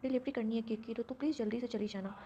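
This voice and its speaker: A woman's voice: fairly high pitch, very fast, mellow, a little hiss or hum, close to an everyday voice. A woman voicing a strict, worried middle-aged mother who scolds and doubts, on a dull lo-fi recording. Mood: stern. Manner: scolding, sceptical.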